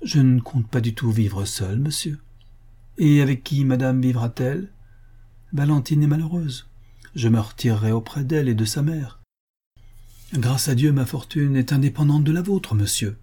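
A man reading the part of a resolute seventeen-year-old wife, raising his voice into a lighter, higher register. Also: normal speed, mellow, slightly rough, lightly acted. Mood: cool resolve. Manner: resolute, raised pitch. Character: spirited young wife, seventeen, defiant. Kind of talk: audiobook character reading.

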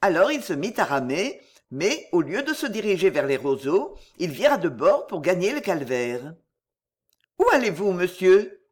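Expressive narrator reading an adventure storybook aloud, voice rising and falling widely. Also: mid-range voice, moderate pace, hardly any pauses. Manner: lively, expressive read-aloud delivery.

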